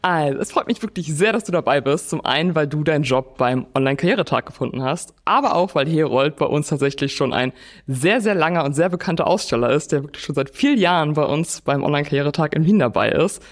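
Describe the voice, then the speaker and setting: A woman's voice: low-pitched, lively intonation, fast talker, soft background music. Upbeat young woman hosting an interview. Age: young adult. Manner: upbeat, warm praise, lots of repeats. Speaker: host, interviewer. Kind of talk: casual interview chat.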